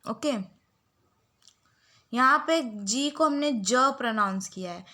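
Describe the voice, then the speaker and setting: Slow, high-voiced woman teacher. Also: animated, bright, forceful tone. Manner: dictates words slowly, spells letter by letter. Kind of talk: spelling lesson for exam students.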